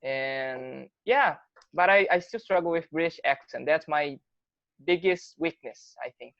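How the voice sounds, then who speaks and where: A man's voice: on the high side, unhurried, creaky, no room sound. Man on a dull, dry call line. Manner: earnest, restarts phrases. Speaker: meeting participant. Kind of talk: casual online group chat. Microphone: video call.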